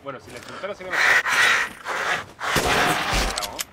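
A man's voice: mid-range voice, animated, moderate pace. A man, congested, giving casual commentary as he plays a game and exclaims at the scares. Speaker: gameplay host. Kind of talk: casual let's-play commentary. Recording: loud background noise, game sounds.

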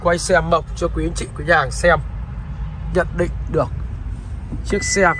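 A man's voice: fairly high pitch, steady tone, a little slow, background noise. A man narrating a used car sales walkaround, in a dealer's patter that keeps politely addressing the viewers. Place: outdoors beside and inside a car on a roadside.

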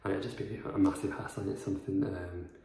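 A man in his twenties talks at a quick pace in a low, mellow voice with a level tone. He's a property renovation vlogger, and his house-tour vlog is chatty, rambling and full of fillers, recorded on a phone camera handheld and then propped up. The empty house he's in is under renovation, and its bare indoor rooms echo.

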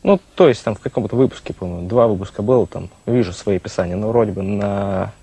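Fast, mellow, husky young man. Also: lowish voice, no echo. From Voronezh, Russia. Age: young adult. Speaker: guest prize winner. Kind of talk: casual interview answers. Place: small TV studio.

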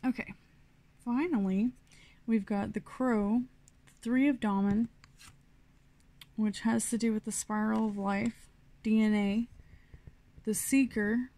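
A woman's voice: on the high side, fairly even intonation, slow, pauses often, warm tone. A middle-aged woman from New Mexico giving a rambling, casual tarot reading full of fillers and restarts. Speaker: tarot reader.

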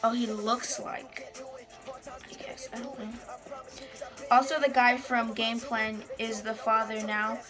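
High-voiced teenage girl, casually reading aloud. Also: flat delivery, slow, pauses often, over music. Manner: amused, self-deprecating asides. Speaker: vlogger. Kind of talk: casual reading aloud from old journal with commentary. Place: small bedroom, indoors.

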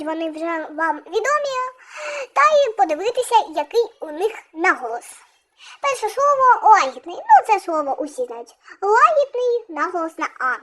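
A woman teacher leading a primary school reading lesson, speaking slowly and carefully as she explains words and reads aloud. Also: very high-pitched. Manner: slow, careful teacherly delivery.

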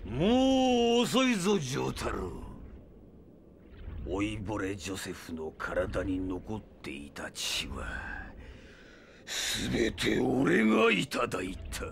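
A man's voice: fairly low pitch, sing-song, slow, vocal fry, a little hiss or hum, heavily acted. An actor playing a cruel, megalomaniac vampire villain in a Japanese audio drama, theatrical and gloating, drawing out his menace. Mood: gloating triumph. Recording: music bed under the voice.

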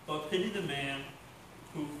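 A man's voice: on the high side, a little slow. A young man, a best man, reading a scripted ceremonial text at a church wedding. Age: young adult. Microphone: distant camera. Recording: echoey church, distant mic, noisy ambience.

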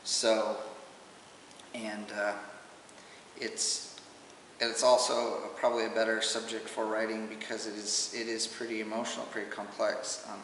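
A man speaks in a low, even voice, halting and emotional as he gives a personal testimony at home. It sounds like old home camcorder audio, picked up from across a roomy space with a long reverb tail and a faint hiss underneath. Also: recorded from a distance. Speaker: father giving a personal testimony.

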